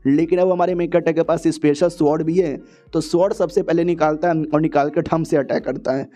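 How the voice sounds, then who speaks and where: A man's voice: on the high side, fairly even intonation, brisk, dark tone, soft background music. A man narrating a comic recap in a chatty, slangy style, mixing in English words.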